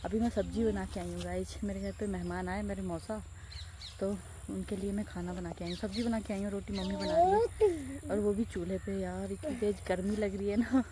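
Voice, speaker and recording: A woman's voice: mid-range voice, a little fast, background noise. A young woman vlogging in a casual chat, talking directly to her viewers. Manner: chatty, addresses viewers directly.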